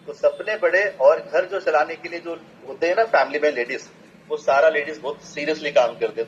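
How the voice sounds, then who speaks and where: Man rallying a meeting, slightly high voice. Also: slight background noise. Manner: rallies the audience with rhetorical questions. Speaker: business presenter. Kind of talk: motivational sales presentation. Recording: dull lo-fi sound with faint ambience.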